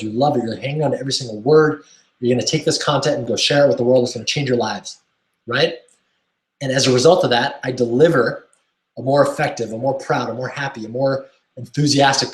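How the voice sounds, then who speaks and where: A man coaching a webinar audience on mindset, enthusiastic and often checking in with "right?". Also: medium pitch. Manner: enthusiastic, keeps asking "right?". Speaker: self-help coach. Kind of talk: webinar teaching talk. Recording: roomy echo.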